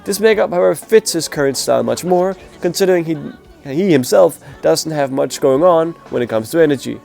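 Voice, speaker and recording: On the high side, expressive and a little fast, a man's creaky, slightly mellow voice plays over faint music. He sounds nasal and sick while giving a blunt, opinionated casual video review of music performances, with grades.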